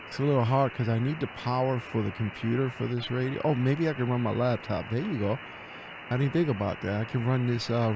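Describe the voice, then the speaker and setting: Amid background noise, a man with a mid-range voice and some vocal fry chats casually and makes radio calls as an amateur radio operator, spelling things out in the phonetic alphabet.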